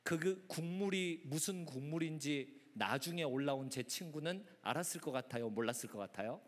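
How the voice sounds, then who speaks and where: A man preaching an animated sermon to young people, acting out characters' voices in dramatic bursts. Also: on the high side, long reverb tail. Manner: acts out voices of teens and grandma in quick dramatic bursts. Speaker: pastor. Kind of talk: animated youth camp sermon.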